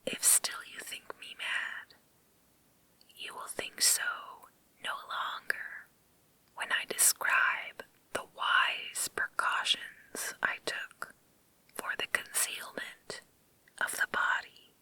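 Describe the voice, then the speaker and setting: Creepy, very slow whispering woman. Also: bright, forceful tone, poor audio. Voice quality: unvoiced breathy whisper. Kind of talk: whispered ASMR story reading. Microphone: close microphone.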